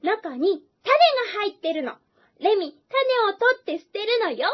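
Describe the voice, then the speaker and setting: A woman's voice: unhurried, heavily acted. Remi, an eager little donkey girl. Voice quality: high childlike voice. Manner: excited, chatty, childish phrasing. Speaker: child co-host character. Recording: dull lo-fi radio recording.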